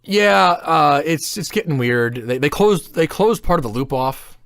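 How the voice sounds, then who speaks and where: A man's voice: a little high, animated, measured pace, dry recording, clean studio sound. A man in casual podcast chat, reviewing theme parks in a blunt, opinionated way and swearing freely.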